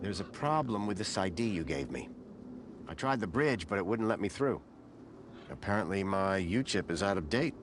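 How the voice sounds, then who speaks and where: A man's voice: sits low, animated, normal speed, background noise. A man playing a wry, persistent adventure game hero, no longer young, with a dry conversational delivery. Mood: frustrated. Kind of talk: video game voice acting and first-person narration.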